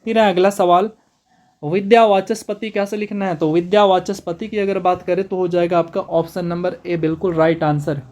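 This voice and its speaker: A man teaching a spoken exam-prep lesson, brisk and repetitive, calling his students brother. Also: sits high, level tone, a little mellow.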